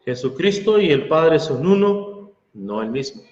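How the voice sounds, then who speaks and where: A man's voice: a little high, very animated, measured pace, darkish tone. A male preacher giving a sermon, arguing his point through Bible verses and rhetorical questions. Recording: echoey hall, dull lo-fi sound.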